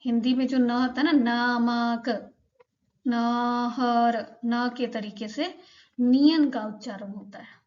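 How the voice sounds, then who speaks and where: A woman teacher with a slightly high voice gives a patient lesson at a very slow pace. She repeats each sound slowly, and the recording is a bit dull and lo-fi. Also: fairly even intonation, a little mellow. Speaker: Korean language teacher.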